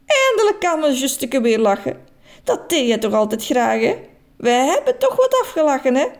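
Brief: woman voicing playful old Flemish granny, bright high calls, affectionate, lively swings in pitch. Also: moderate pace. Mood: joyful, teasing. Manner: teasing, affectionate, excited calls.

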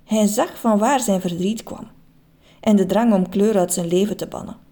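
A Flemish woman reading a children's story aloud, expressive and lively. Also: mid-range voice, normal speed.

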